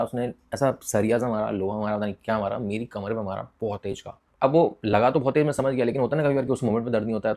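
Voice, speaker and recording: Young man from India, casual storytelling, quick delivery, low voice, swears freely. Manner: animated, mixes English into Hindi, swears freely. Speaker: vlogger telling a personal story. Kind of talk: casual storytelling with crude slang.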